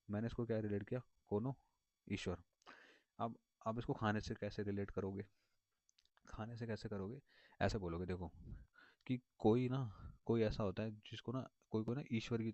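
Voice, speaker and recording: This is a relaxed vocabulary lesson from a man whose voice sits on the low side with a darkish tone. He wanders, repeats words, returns to earlier points, and uses many fillers, all captured in a dull, lo-fi, dry recording with no echo.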